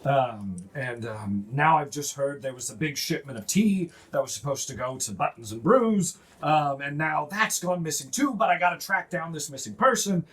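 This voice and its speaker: A game master voicing a gruff, overworked dwarf man who rambles through his complaints. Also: medium pitch, expressive, normal speed, few pauses, a bit bright. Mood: worried.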